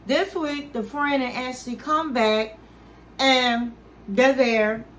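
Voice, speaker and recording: High-voiced chatty woman recapping TV. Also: steady tone, takes it slowly, poor audio. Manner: chatty storytelling, acting out the people she quotes. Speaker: reality TV recap commentator. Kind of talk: casual recap commentary.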